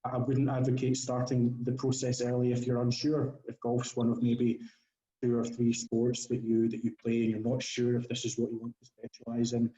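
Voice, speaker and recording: A man with a broad Scottish accent, answering questions as a guest consultant in a measured, explanatory way. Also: medium pitch, monotone, mellow, echoey room, low-quality recording. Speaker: guest golf scholarship consultant.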